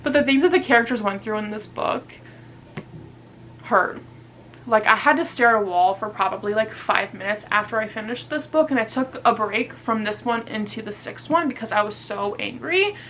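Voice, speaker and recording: A woman's voice: on the high side, moderate pace, fairly bright tone, a little hiss or hum, low-quality recording. A young woman chatting casually on her vlog, reviewing books in a gushing, chatty way and swearing freely. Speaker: book reviewer.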